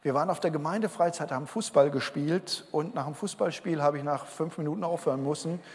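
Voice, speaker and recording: A man's voice: a little high, quick pace. A man giving an earnest sermon to a congregation, explaining Bible verses. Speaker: pastor. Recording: long hall reverb.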